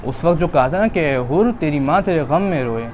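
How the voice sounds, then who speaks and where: A man from Pakistan giving a Muharram majlis sermon, retelling dialogue and rising into a loud, drawn-out lament. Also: on the high side, expressive, slight background noise. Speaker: preacher.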